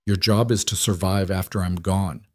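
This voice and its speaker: A man voicing a weak, dying old father whose voice is raspy and faint. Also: low voice, fairly even intonation, normal speed, a little mellow, no echo, clean studio sound. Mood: weak insistence.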